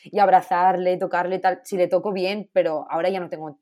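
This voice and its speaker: Una mujer con acento de España, copresentadora de un pódcast, en charla informal; habla con franqueza y énfasis, enumerando lo que no soporta. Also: female voice, on the low side, steady tone, fast talker, darkish tone. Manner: emphatic, candid, complains at length. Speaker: podcast co-host. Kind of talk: casual chat.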